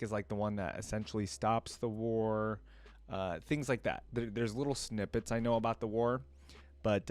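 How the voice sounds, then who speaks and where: A man with a lowish, slightly mellow voice hosts a reaction video and streams. His commentary is casual and conversational, and he keeps checking in with "you know what I mean."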